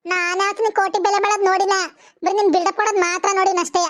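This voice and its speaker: A woman's voice: very high voice, level tone, rapid-fire, a bit bright, no echo, clean studio sound. Woman doing a blunt village aunty. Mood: outspoken. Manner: scolding, outspoken. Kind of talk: cartoon voice acting.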